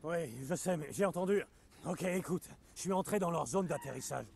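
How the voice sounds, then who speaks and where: An actor playing a gruff, restless biker survivor with a gravelly voice, urgent and stubborn, in video game radio dialogue. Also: male voice, a little high, normal speed, darkish tone. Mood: insistent, agitated.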